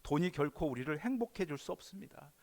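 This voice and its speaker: A male pastor preaching a sermon in an animated way, swinging between loud emphatic bursts and quiet asides. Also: fairly high pitch, fast talker, creaky.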